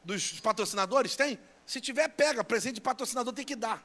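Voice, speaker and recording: A Brazilian pastor making playful, teasing announcements and bantering with a live conference crowd. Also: male voice, very high voice, a little fast, pushed and bright. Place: large church conference hall. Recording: long echo of a big hall.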